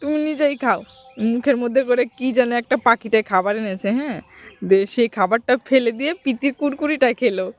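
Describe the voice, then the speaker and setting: A woman's voice: on the high side, brisk, dull audio, faint music behind. A woman chatting with her young daughter in a casual home vlog on a rooftop, asking patient, coaxing questions with frequent hesitations.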